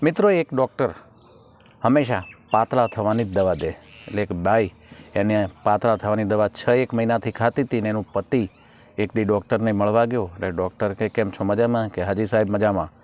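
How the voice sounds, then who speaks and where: A man's voice: lowish voice, normal speed, a little mellow. A man, a folk comedian chatting through jokes and acting out each character's lines. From Gujarat. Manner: chatty joke-telling with acted dialogue. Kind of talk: Gujarati folk humor storytelling.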